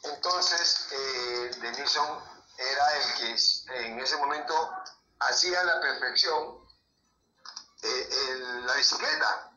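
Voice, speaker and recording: A man with a Peruvian accent, a former footballer, telling lively anecdotes in an interview, with sound effects and laughter. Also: mid-range voice, slow pace, echoey room, dull audio, faint music behind. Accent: Peruvian Spanish. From Peru.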